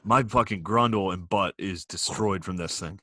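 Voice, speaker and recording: A man's voice: sits low, moderate pace, pushed and bright, no room sound, clean studio sound. A man co-hosting a podcast in casual chat, telling rambling, profane stories and laughing often. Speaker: podcast co-host.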